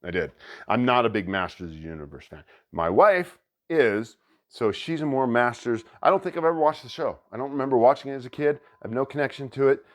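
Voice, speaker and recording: A man hosting a board game channel, chatting excitedly as he unboxes a new game and thinks aloud. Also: mid-range voice, fairly quick. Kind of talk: casual unboxing commentary.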